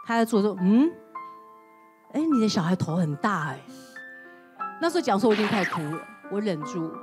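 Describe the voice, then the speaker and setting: A woman in her forties speaks quickly on a TV studio talk show and tells her story with lively, acted-out dialogue. She slips English words in as she goes. Music plays behind her voice. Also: mid-range voice. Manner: animated storyteller who acts out quoted dialogue. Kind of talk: casual chat, personal storytelling. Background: background music.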